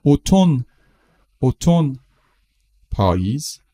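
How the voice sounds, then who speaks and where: A middle-aged man teaching French vocabulary in a lesson. He says each word slowly several times, then explains it quickly. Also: mid-range voice, very animated, dark tone. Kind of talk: vocabulary lesson with slow, repeated pronunciation.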